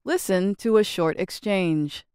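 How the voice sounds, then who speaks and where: An American woman narrating a scripted English lesson, speaking slowly, carefully and expressively. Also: mid-range voice, darkish tone, smooth, dry recording, studio quality.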